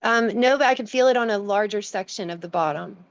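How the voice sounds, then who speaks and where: Soft-spoken woman on a dull, dry call line. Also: mid-range voice, fast talker, no echo. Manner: brief, hesitant replies. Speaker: session participant. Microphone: video call. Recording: dry, dull-sounding video call audio.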